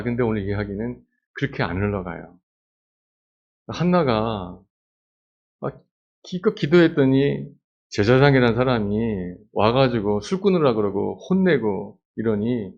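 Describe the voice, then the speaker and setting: Animated, chatty pastor's sermon. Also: male voice, lowish voice, vocal fry, muffled recording. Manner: conversational, animated, many rhetorical questions.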